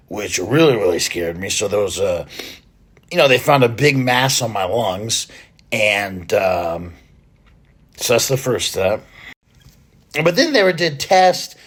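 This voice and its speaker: A man recovering from illness and short of breath, talking to his followers in a rambling, halting casual vlog update full of fillers and restarts. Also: mid-range voice, a bit bright, slightly rough. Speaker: fitness content creator.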